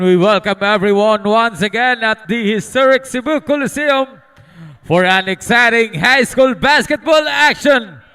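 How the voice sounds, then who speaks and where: Guy hype announcer at a ball game, slow stretched out shouty name calls like a fighting game, clear punchy voice. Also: extremely high pitch. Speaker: arena announcer. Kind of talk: hyped sports arena announcing. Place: large indoor basketball arena over PA.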